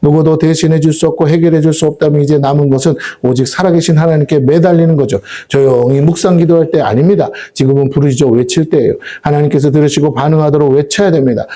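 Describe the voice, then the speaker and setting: A middle-aged man preaching a fervent sermon as a pastor, rising to shouts and asking his congregation questions. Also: on the high side, steady tone, quick pace, hardly any pauses.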